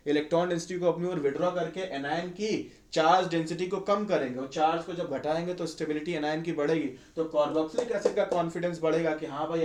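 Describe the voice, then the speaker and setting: A man's voice: on the high side, darkish tone. A male chemistry teacher giving a conversational exam-prep lecture, often asking students rhetorical questions. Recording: echoey room.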